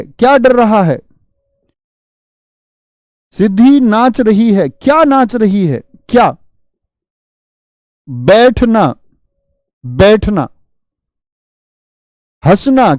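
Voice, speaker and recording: A man's voice: sits high, a little mellow, no echo, studio quality. A man teaching a Hindi grammar class, drilling students with rhetorical questions and calling them friends.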